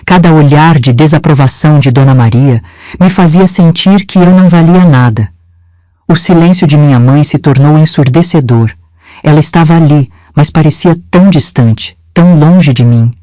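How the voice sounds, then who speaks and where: A woman in her seventies from Minas Gerais, narrating her own life story in a gentle, measured, confiding way. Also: deep voice, no room sound. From Minas Gerais, Brazil. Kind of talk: scripted first-person storytelling.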